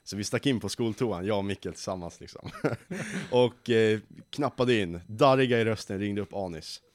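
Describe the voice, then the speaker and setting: A lively nineteen-year-old man talks in a fairly low voice, telling how his company got started. His voice is close and dry, with no room sound behind it. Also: no echo. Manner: lively storyteller who acts out quoted voices. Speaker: young company founder, guest. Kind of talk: casual podcast interview.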